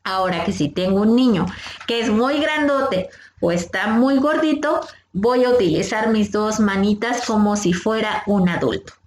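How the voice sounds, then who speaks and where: A woman's voice: mid-range voice, moderate pace, reverberant, slight background noise. A woman, a first aid instructor patiently teaching a class of young scouts step by step and asking them questions. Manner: patient, explains step by step, asks the kids questions.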